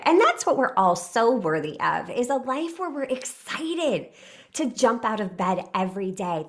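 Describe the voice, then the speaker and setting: A woman hosting a podcast, welcoming her guest and asking questions in a gushing, enthusiastic way. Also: high-pitched. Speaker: podcast host. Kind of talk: casual podcast interview.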